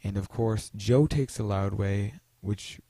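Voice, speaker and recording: A man's voice: fairly low pitch, takes it slowly, warm tone, no echo. A young man telling a story in a casual vlog, rambling with many fillers and restarts. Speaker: vlogger.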